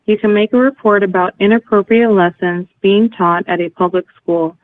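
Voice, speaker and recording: A woman's recorded hotline greeting, heard over a landline phone, formal and measured, slowing down to spell things out. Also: medium pitch, fairly even intonation, no room sound. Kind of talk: recorded phone menu message. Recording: tinny phone line, dry.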